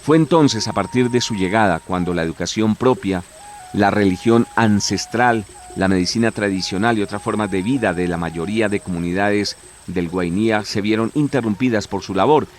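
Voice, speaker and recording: A man reading scripted documentary narration in a measured, formal way. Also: on the low side, faint music behind.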